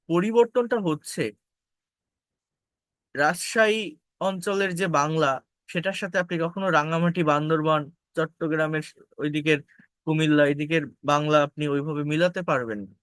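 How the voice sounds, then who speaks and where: A man's voice: sits high, fairly bright tone, dry recording. A man teaching an English pronunciation lesson, explaining patiently, repeating key points and speaking directly to his viewers. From Bangladesh.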